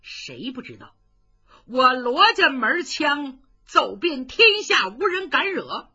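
A sly young general full of swagger, as a woman storyteller puts him on, jumping from high boasts to low sneers with a lively bright edge. The sound is dull and a little lo-fi. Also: faint music behind, exaggerated voice. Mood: boastful. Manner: cocky, taunting, quick-talking.

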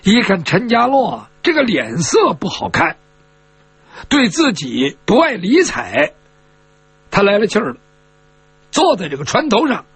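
A male storyteller tells a martial tale in a lively, expressive way, with chatty asides. His voice is husky and rather high, with a wildly swooping pitch. The sound is dry and close. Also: measured pace, long pauses, no room sound. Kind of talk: traditional storytelling performance.

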